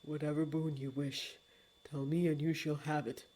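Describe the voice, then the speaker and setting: A woman reading the part of a solemn immortal male lord of dreams, in a grave, formal, hushed manner. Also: deep voice, level tone, moderate pace, pitched below the performer's own voice, poor audio.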